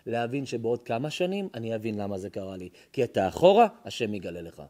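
A rabbi with an Israeli accent giving a dramatic sermon, telling stories and swinging from hushed tones to shouting. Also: male voice, lowish voice, expressive. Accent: Israeli Hebrew. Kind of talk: sermon with storytelling. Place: synagogue or lecture hall.

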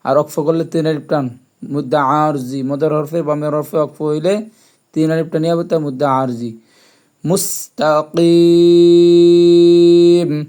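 A man teaching Quran reading, spelling out each letter and vowel mark, then chanting the syllables in long drawn-out tones. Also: on the high side, fairly even intonation. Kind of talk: slow spelled-out Quran recitation lesson.

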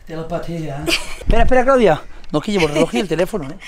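A woman vlogging a prank outdoors by a pool, loud and exclaiming, often laughing and shouting. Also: low voice, animated, rapid-fire. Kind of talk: excited vlog banter. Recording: noisy outdoor camera audio.

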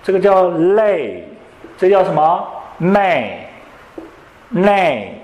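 Man, classroom lecture, fires questions at students, slightly high voice, roomy echo. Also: very animated, darkish tone. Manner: drills students with quick questions. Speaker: English teacher. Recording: echoey classroom.

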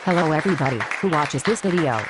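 A woman's voice: low-pitched, quick pace, loud music behind the voice, a loud crowd, natural voice. A woman with a Swedish first language playing a cat's secret agent in a home video skit, teasing and bossy. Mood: playful. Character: female secret agent of a blogging cat.

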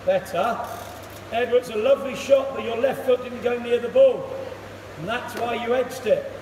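A man coaching a young batter one-to-one in an indoor cricket net, giving brisk instructions and praise. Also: very high-pitched. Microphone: camera across the net, far off. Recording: echoey hall, voice from far off, loud noise.

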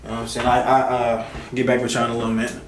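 A young man in his twenties vlogging to a camera held at arm's length. His talk is laid-back and full of slang, and his speech fillers come easily. Steady background noise sits under his voice. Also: mid-range voice, racing, distant mic. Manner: laid-back slangy talk, lots of "you know what I'm saying". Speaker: rapper vlogging a road trip. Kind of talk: casual vlog talk to camera. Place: car and hotel room.

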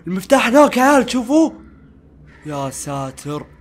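Male gamer, high lively voice, panicky play-by-play, chats at the screen. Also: moderate pace, slight background noise. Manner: excitable, panicky, talks to game characters. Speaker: gaming channel host. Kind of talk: let's-play commentary.

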